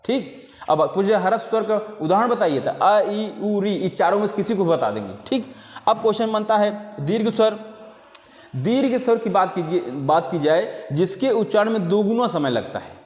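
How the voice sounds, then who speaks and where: A man with a high voice teaches an exam-prep grammar lesson, going over each definition more than once. He keeps calling his viewers friends as he explains. The sound is roomy, with a long reverb tail behind his voice. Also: expressive, moderate pace, darkish tone. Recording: echoey room with long reverb.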